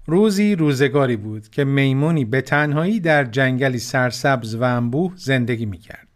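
A man narrating a children's story, gently addressing the children who listen. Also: mid-range voice, expressive. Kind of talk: scripted narration.

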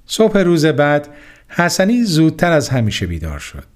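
A man narrating a children's story, gently addressing the young listeners. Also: on the high side, huge pitch swings.

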